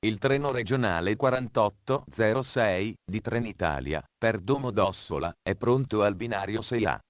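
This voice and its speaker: Deep, formal station announcer man. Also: expressive, moderate pace, no echo, clean studio sound. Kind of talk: scripted train station announcements.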